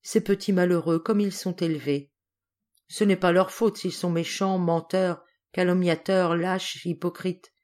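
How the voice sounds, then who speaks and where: A thoughtful, steady father from a storybook, speaking gravely and at a measured pace, read by a woman. His lines stay even and serious. Nothing about him is loud or hurried. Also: fairly low pitch, natural voice.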